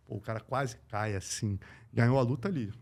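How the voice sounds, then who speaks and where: A man from Brazil, an MMA journalist, telling stories in a lively, slangy way on a casual podcast. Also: medium pitch, fairly quick. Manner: animated, slangy, acts out quoted voices.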